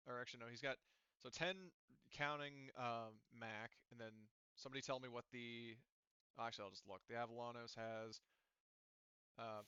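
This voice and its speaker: In an online tabletop game, the man serving as game master stumbles along as he works out rules and tallies dice aloud. His voice is medium-pitched, pushed and bright, and smooth, in a dry recording with dull audio.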